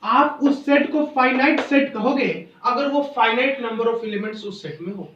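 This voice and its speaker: A man's voice: very high-pitched, a bit bright, slight background noise. A young man teaching a math lesson, dictating definitions word by word and quizzing students with questions he answers himself. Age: young adult. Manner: dictates definitions slowly word by word, repeating phrases; asks students rhetorical questions and answers them. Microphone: phone mic. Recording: echoey room, distant dull phone mic.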